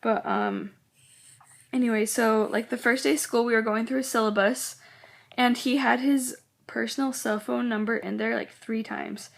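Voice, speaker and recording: Her voice is fairly high and creaky, with fairly even intonation and a normal speed. A teenage girl vlogs casually while recovering from a cold that has her voice going in and out, rambling, saying "like" constantly, and quoting others.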